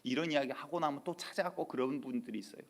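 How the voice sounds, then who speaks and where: A male pastor delivering a sermon in church, telling lively stories and acting out quotes. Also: mid-range voice, very fast. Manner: lively storytelling with acted-out quotes.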